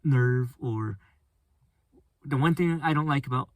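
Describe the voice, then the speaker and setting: A man hosting a casual solo podcast, speaking in a flat, monotone voice and rambling with frequent restarts. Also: medium pitch, measured pace, dry recording. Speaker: podcast host.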